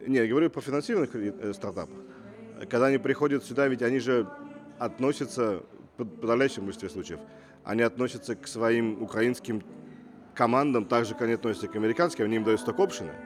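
A fast-talking man with a medium-pitched voice, raised in Russia, is the guest entrepreneur in a relaxed interview. He argues assertively and leans on rhetorical questions.

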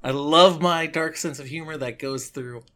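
A man's voice: a little high, normal speed, a crowd in the background. A man, a tabletop player and podcast host, chatting casually. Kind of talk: casual chat.

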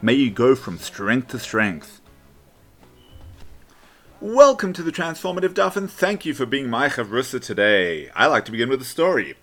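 A man's voice: mid-range voice, big pitch swings, moderate pace, fairly bright tone, soft background music. A man who is a rabbi, teaching a daily Talmud lesson in an explaining, storytelling manner.

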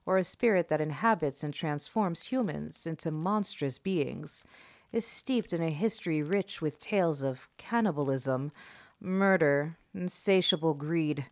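A woman's voice: deep voice, no echo. A woman narrating scripted eerie folklore as a horror host, with a theatrical, ominous delivery.

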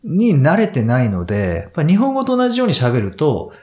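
Male podcast host, chatty explainer, very lively pitch. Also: a little fast. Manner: chatty, explains with examples and sound demos. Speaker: podcast host and English teacher. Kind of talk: casual chat.

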